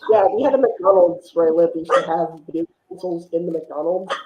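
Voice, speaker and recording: A man with a high, warm voice talks a little fast as a guest film reviewer on a podcast, chatting casually about movies. He explains at length with frequent asides, and the low-quality recording has room echo plus a bit of hiss or hum.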